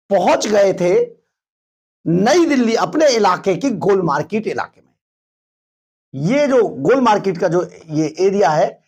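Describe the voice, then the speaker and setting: A male news reporter giving emphatic, opinionated on-the-spot political commentary, with hesitations, in a husky voice. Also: sits high.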